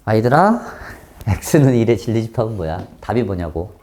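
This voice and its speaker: A man teaching a math class, often stopping to check that students follow and switching between polite and blunt speech, with sudden loud exclamations. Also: fairly low pitch, sing-song, normal speed, a little hiss or hum.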